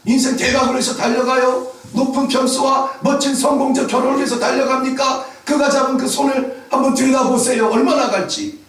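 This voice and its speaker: A male pastor giving a Sunday sermon, emphatic and rising to shouts at key points. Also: extremely high pitch, distant mic. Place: church sanctuary. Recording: very echoey church hall, voice from afar.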